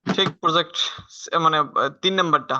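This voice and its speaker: A man's voice: on the high side, a little fast, sharp tone. A man tutoring a student through a finance problem, step by step, quizzing him with questions. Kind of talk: step-by-step accounting lesson. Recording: dull lo-fi recording.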